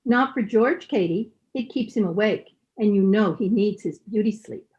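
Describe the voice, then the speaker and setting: A woman's voice: mid-range voice, lightly acted. A woman playing a doting, meddling older mother-in-law in an old-time radio sitcom, prim, fussy and cooing. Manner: cooing, fussy, drawn-out delivery. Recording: slightly dull video-call sound.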